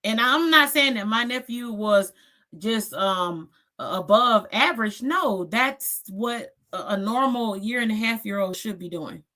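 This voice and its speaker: A woman's voice: fairly high pitch, animated, measured pace, sharp tone. A woman in her forties hosting a reaction channel, giving blunt, sassy commentary and tagging her points with "okay?".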